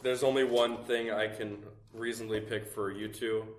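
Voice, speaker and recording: Man, lowish voice, wry laid-back tabletop player, casual chat, echoey room. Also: little pitch movement, normal speed.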